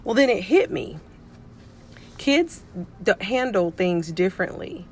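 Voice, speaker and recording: A middle-aged pediatric nurse and life coach tells a story casually to camera, her mid-range voice sing-song and unhurried. There's a little hiss or hum, and she chats along while acting out the dialogue she quotes.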